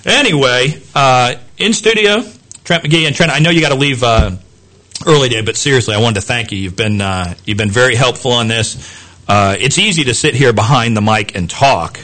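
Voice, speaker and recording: A man's voice: medium pitch, normal speed, pushed and bright. A man sitting in as a local radio talk host, chatting casually and rambling with frequent restarts and self-deprecating asides.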